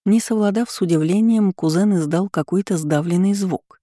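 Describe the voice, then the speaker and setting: An audiobook narrator telling a first-person story in an even, wry way. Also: medium pitch, normal speed, dry recording, studio quality.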